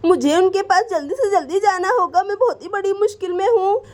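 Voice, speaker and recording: A woman voicing a frightened young neighbour who pleads in a hurried, breathless way. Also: extremely high pitch, darkish tone. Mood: panicky. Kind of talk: storybook voice acting.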